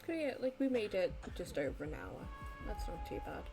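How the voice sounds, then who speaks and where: A woman's voice: medium pitch, big pitch swings, normal speed, over music, low-quality recording. A tired young woman wrapping up a live stream, rambling casually with many ums and likes. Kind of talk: casual end-of-stream chat.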